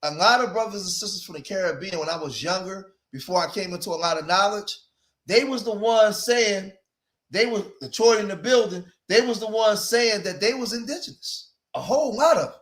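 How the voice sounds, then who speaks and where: Speaking fairly quickly in a high, fairly bright voice, this livestream host is a man in his forties with an East Coast accent. In an echoey room, he gives casual commentary straight to his viewers, hammering points home by repeating phrases.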